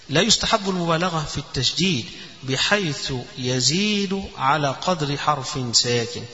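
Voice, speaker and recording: Egyptian guy teaching a religious text, sharp forceful voice, reads it out then breaks it down, dull muffled recording. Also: mid-range voice, a little hiss or hum. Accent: Egyptian Arabic. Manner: deliberate explainer who demonstrates recitation aloud. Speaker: Islamic scholar teaching a fiqh text. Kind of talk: religious lesson, reading a text aloud and explaining it. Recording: echoey hall, dull lo-fi sound.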